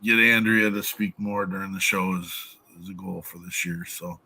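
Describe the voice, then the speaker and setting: A man hosting a talk show, chatting reflectively and often pausing mid-sentence. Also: sits low, fairly even intonation, vocal fry, pushed and bright, breathy edge, low-quality recording. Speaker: show host.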